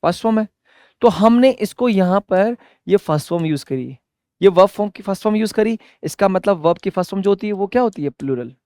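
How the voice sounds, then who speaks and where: A man teaching an English grammar lesson, loud and energetic, asking questions and answering them himself. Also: high-pitched, dry recording, clean studio sound. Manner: drills example sentences slowly word by word. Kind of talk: classroom lesson.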